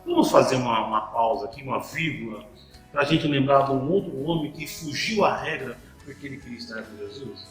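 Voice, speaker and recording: A man's voice: mid-range voice, expressive, brisk, echoey room, faint music behind, poor audio. A man preaching a sermon, asking the listeners rhetorical questions and often repeating words as he restarts a thought.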